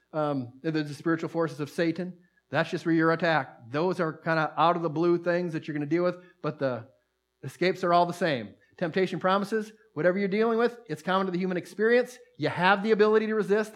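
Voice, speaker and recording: A man preaching a sermon, emphatic and swinging between loud declarations and hushed, quiet lines. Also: fairly high pitch.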